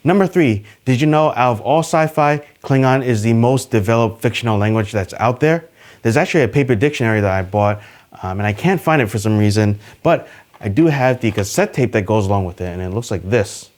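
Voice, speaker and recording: A man's voice: expressive, fairly quick, a little mellow. A man hosting a casual trivia video, talking to the camera in an upbeat, chatty way with plenty of fillers. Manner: enthusiastic, pitch jumps on list numbers. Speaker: YouTube host.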